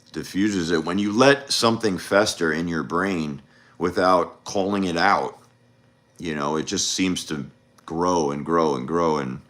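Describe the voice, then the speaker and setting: A man with a low, deep voice talks casually on a livestream. He rambles freely, restarting sentences and dropping in "you know" and "like" as he coaches. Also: fairly bright tone. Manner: loose, rambling, with frequent fillers and restarts. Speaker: dating coach. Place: home livestream.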